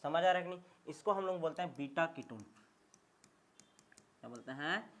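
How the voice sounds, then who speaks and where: A man's voice: fairly high pitch, lively intonation, normal speed, a bit bright. A man teaching a chemistry lecture, drilling his class by asking each question twice and often checking they follow. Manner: call-and-response drilling, repeats questions and answers; emphatic, checks understanding often.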